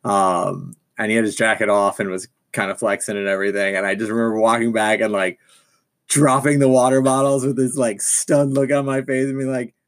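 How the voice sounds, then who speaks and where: A man's voice: lowish voice, fairly even intonation, fairly quick. A man telling stories in casual chat, enthusiastic and rambling.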